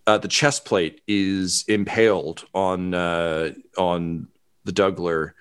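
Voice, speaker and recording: A man narrating as game master of a tabletop game, relaxed, with lots of fillers and swearing. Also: low voice, takes it slowly, clean tone.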